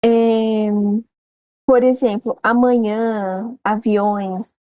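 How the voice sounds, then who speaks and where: Woman student, mellow voice. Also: fairly high pitch, steady tone, drawn-out words, clean tone, no room sound. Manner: brief replies and acknowledgements. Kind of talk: asking questions in a tutoring session.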